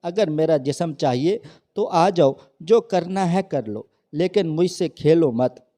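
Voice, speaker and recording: Guy doing a tearful young wife in a storybook, pleading, kinda high and mellow. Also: expressive, a little slow. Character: battered, grieving young wife.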